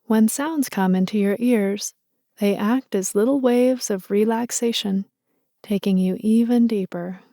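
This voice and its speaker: Slow and unhurried, a woman with a soft, mellow, mid-range voice guides a meditation. She comes across as gentle, soothing, and motherly. The recording is dry and close, with no room sound.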